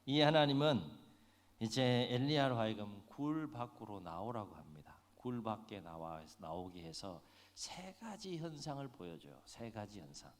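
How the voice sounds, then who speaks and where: Lively preaching man in reverberant church. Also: lowish voice, measured pace. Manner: lively preaching, voice swelling and dropping, dramatic retelling. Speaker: senior pastor. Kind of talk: sermon. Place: church sanctuary. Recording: long hall reverb.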